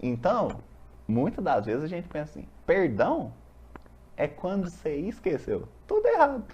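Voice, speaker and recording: A study group leader with a Brazilian accent talks in a husky voice whose pitch swings up and down freely. The talk is casual and explanatory, reading from a text and then unpacking it with homely examples and rhetorical questions. It sounds like a meeting room of a university group. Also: huge pitch swings, normal speed, a little mellow, lo-fi sound.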